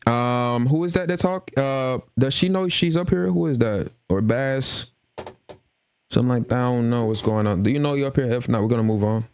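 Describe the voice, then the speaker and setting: A man's voice: mid-range voice, normal speed, clear, resonant tone. A man hosting a heated live debate, cutting in often and repeating himself to take control. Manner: forceful, interrupts and repeats himself. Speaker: host of a live debate stream.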